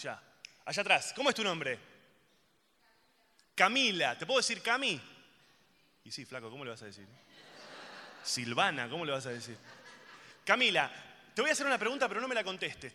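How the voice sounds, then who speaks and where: A man with an Argentine accent doing a live stand-up routine, chatting and teasing the crowd with loud bursts. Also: high-pitched, big pitch swings, brisk, pauses often, in a large hall. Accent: Argentine Spanish. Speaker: stand-up comedian.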